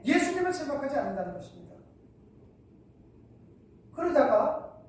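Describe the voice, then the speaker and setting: A man's voice: very high-pitched, a little hiss or hum. A male pastor preaching a sermon, asking the congregation rhetorical questions. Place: church hall. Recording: echoey church from far off.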